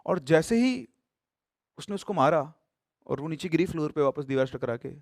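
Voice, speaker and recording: Telling a horror story in a gravelly, somewhat high voice, a man speaks at a moderate pace, lively and casual. English words slip into his telling as he alternates between booming suspense and quiet murmurs. The recording is dry and studio quality.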